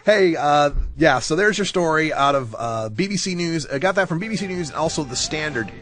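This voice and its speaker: A man's voice: fairly high pitch, expressive, a little fast, fairly bright tone, soft background music. A man hosting a podcast, rambling and joking through news stories with frequent laughs. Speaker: podcast host. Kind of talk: casual news commentary.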